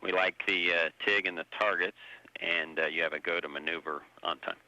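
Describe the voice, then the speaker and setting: A man's voice: low-pitched, steady tone, brisk, pushed and bright, a little hiss or hum. A man speaking as a mission control communicator over a space radio link, in terse, procedural phrases. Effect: radio transmission. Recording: dull band-limited space radio link.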